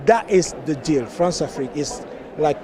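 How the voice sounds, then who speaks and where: Earnest high-voiced man from Cameroon. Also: animated, normal speed, noisy background. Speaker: party member interviewed. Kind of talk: street interview. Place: outdoors at a conference venue, street traffic.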